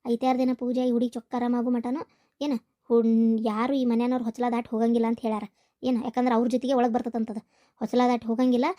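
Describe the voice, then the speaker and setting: A woman with a North Karnataka Kannada accent, playing a scheming village housewife who gives hushed, bossy instructions. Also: on the high side, little pitch movement, fast, close to an everyday voice. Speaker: scheming homemaker in a family skit. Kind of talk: village family drama acting.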